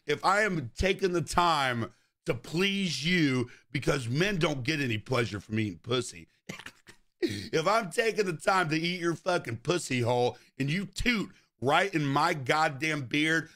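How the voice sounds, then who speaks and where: A man livestreaming game commentary in a brash, animated frat-bro manner, swearing constantly and exclaiming. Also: a little high. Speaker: video game livestream host. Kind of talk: livestream gaming chat and commentary.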